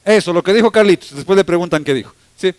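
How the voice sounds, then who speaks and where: A man's voice: high-pitched, fast talker, darkish tone, dry recording. A man preaching a sermon as pastor, telling stories with humor and teasing the congregation. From Ecuador. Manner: humorous, storytelling preacher who teases the congregation.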